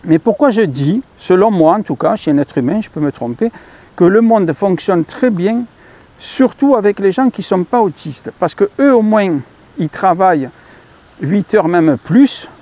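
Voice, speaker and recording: A man's voice: high-pitched, lively intonation, normal speed, mellow. A man with a French accent hosting his own channel, talking in a rambling casual monologue full of fillers and self-corrections, calling viewers dear friends. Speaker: YouTube channel host.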